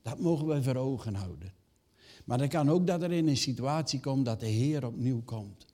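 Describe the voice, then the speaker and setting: Speaking at a normal speed in a mellow, expressive voice of medium pitch, an elderly preacher delivers a sermon. He asks his listeners rhetorical questions and gets louder as he acts out quoted reactions emphatically.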